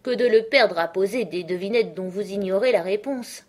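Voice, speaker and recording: A woman voicing Alice, a curious, polite young girl, in a storybook reading with a high, earnest voice. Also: normal speed, a little mellow, natural voice.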